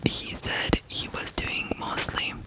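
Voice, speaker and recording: A Ukrainian ASMR host quietly and deliberately narrates true crime, with pauses separating short phrases.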